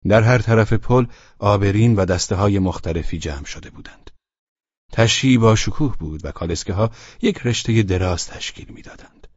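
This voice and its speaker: A man narrating a literary audiobook in a measured, steady reading voice. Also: on the low side, dry recording, highs cut off.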